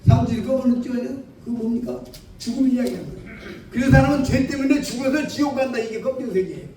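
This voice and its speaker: A man's voice: extremely high pitch, rapid-fire, dark tone. A man preaching an evangelistic sermon in a plain-spoken way, often putting questions to his listeners. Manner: plain-spoken, keeps asking the audience questions. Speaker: lay preacher. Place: church hall. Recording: very echoey hall, distant mic, faint noise.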